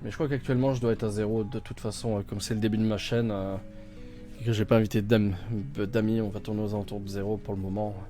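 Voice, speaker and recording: A man's voice: on the low side, flat delivery, fast talker, mellow, faint music behind. A man playing a video game on stream, thinking aloud with many fillers and restarts, reading game text out and translating it. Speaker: gaming streamer. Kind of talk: casual let's-play commentary.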